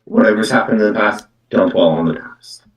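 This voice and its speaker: Speaking far from the microphone in an echoey room, a low-voiced man gives improvised spiritual card readings as a medium. He halts and repeats himself, peppering his speech with tics such as "though" and "actually."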